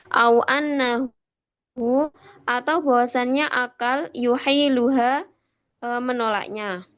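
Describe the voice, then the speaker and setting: A woman's voice: a little high, clear, resonant tone, dull audio. Woman on a choppy, breaking-up call line. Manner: halting, careful, with frequent hesitant fillers. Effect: choppy, breaking-up online call audio. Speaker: student reading a text aloud in class. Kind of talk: slow reading of a classical Arabic text with line-by-line translation.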